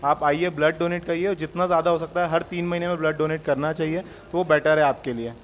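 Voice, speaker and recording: A man who has donated blood, answering an interviewer in a relaxed, reassuring way with English phrases mixed in. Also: fairly high pitch, fast talker, soft background music. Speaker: blood donor guest.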